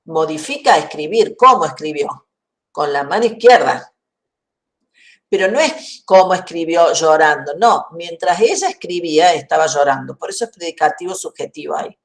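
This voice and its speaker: Speaking at a normal speed with lively intonation, a deep-voiced woman teaches university grammar online. She works methodically through explanations and examples, making sure the students are following along.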